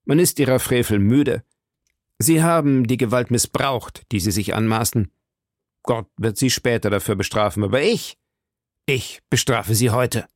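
A man's voice: on the low side, a little fast, creaky, dry recording, studio quality. A man reading aloud voices a fanatical young officer, earnest and insistent. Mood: stern insistence. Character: fanatical young male officer, stern and zealous. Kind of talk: audiobook reading.

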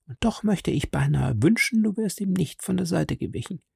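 A man reading an audiobook and voicing a sharp, commanding male detective, lifting his voice above his own and often dropping to a hushed whisper. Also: mid-range voice, sing-song, normal speed, vocal fry, no room sound, studio quality, voice pushed up. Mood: whispered urgency.

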